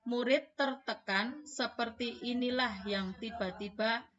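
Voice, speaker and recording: A woman teacher giving a scripted lesson, speaking in a measured way and addressing her audience formally. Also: on the high side, fairly bright tone, dull audio.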